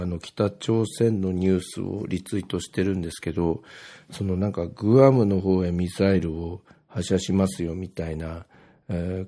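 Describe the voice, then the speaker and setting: Low husky-voiced man rambling casually. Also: dark tone. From Ibaraki, Japan. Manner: rambling, full of filler words. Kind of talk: casual solo monologue reading his own posts aloud.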